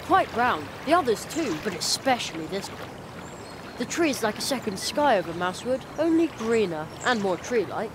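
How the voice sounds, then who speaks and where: A young boy adventurer in a video game. He is curious and polite, with lively rises and falls, over clear cricket and water ambience. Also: sits high, moderate pace, noisy background. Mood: musing. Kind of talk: video game character acting.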